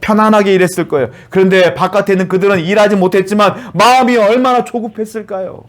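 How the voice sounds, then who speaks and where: A man's voice: sits high, steady tone, quick pace. A male pastor preaching a sermon, reading a Bible passage and then explaining it, acting out people's complaints and asking rhetorical questions.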